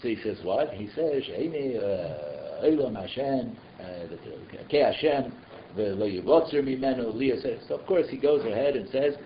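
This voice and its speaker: With a mid-range voice, normal speed, and lively intonation, a rabbi teaches an informal Torah class. Rhetorical questions and chatty asides run through his talk. It's captured in an echoing, muffled room with background noise.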